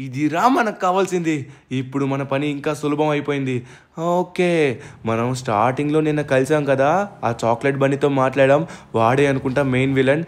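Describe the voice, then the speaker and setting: A man narrating his own game story with excitement, loudly exclaiming and hurling dramatic threats at his foes. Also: medium pitch, a little fast. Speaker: gaming channel narrator and player.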